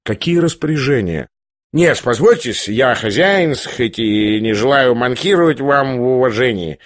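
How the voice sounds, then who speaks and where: A man's voice: mid-range voice, expressive, moderate pace, no echo, clean studio sound, close to an everyday voice. A man voicing a tipsy, insolent householder. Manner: drunk, pushy, self-important. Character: tipsy, insolent middle-aged host.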